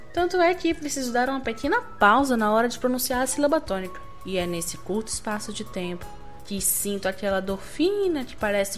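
A young woman giving a theatrical, wry, self-mocking dramatic literary reading. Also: mid-range voice. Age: young adult. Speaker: reader of her own literary monologue. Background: faint music.

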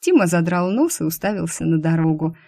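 A woman narrating a first-person audiobook in a wry, lively storytelling manner. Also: low-pitched, brisk, gravelly, no echo, studio quality.

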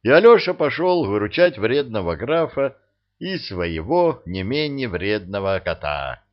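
A man narrating a humorous fantasy audiobook, bringing the characters to life in an expressive reading. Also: fairly low pitch, measured pace, muffled recording. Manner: expressive storytelling, acting out the characters. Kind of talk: scripted narration.

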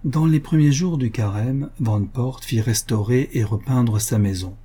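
Husky-voiced male storyteller. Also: mid-range voice. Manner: measured, expressive. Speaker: narrator. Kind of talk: reading a classic short story aloud.

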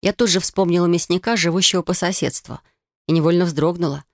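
A woman narrating a first-person fantasy audiobook in a lively way. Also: on the low side, quick pace, no echo, clean studio sound. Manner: lively, voices characters' lines.

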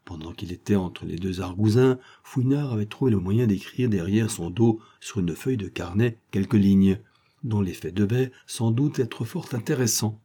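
A man narrates an audiobook in a steady, measured storytelling manner. His voice is lowish with a breathy edge.

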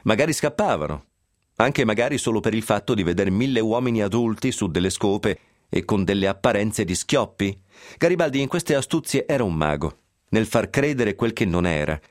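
A man's voice: lowish voice, expressive, normal speed, dry recording, studio quality. A man reading a scripted history piece on the radio, telling it with a wry, ironic edge and sly asides. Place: radio studio.

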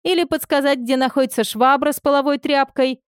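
A woman's voice: high-pitched, steady tone, fairly quick, dry recording, clean studio sound, voice pushed up, natural voice. A woman voicing a stern, bossy female shift supervisor who scolds and orders people around. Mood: scolding. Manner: scolding, commanding.

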